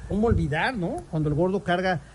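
A Mexican man hosting a sports talk show, telling crude, animated stories and acting out people in them. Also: sits high, a little fast, noisy background. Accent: Mexican Spanish. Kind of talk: joking storytelling among co-hosts.

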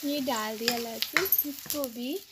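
A woman from Himachal Pradesh talks her viewers through a recipe in a high, slow, friendly voice. She is recorded on a phone at her stove. Oil sizzles and a spoon scrapes the pan over clear background noise. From Himachal Pradesh, India. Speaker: cooking vlogger. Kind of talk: casual cooking narration. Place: home kitchen at a stove. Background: sizzling and stirring in a pan.

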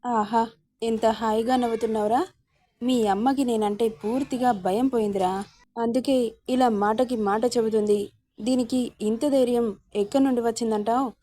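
A woman's voice: on the high side, steady tone, moderate pace, dark tone, close to an everyday voice. A woman voicing a domineering young husband who scolds and teases sarcastically. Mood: teasing.

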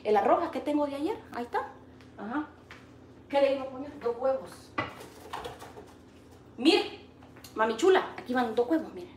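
A woman with a Salvadoran accent, cooking at home and chatting with her live viewers, teasing and animated and full of pet names. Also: high-pitched, moderate pace, pauses often, far from the mic, background noise. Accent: Salvadoran Spanish. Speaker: cooking vlogger. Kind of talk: casual live cooking chat. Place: home kitchen. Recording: roomy kitchen, voice off-mic.

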